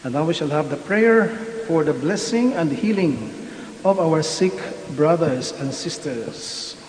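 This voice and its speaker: A man, a priest intoning prayers in a measured way at an online Mass, his voice carrying a cathedral echo. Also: fairly high pitch, expressive, darkish tone. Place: large church. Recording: echoey hall with faint hiss.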